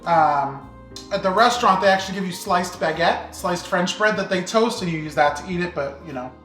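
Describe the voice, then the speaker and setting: A relaxed cooking-show co-host chatting casually about a dish, trailing off with fillers. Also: medium pitch, fairly quick, roomy sound, soft background music.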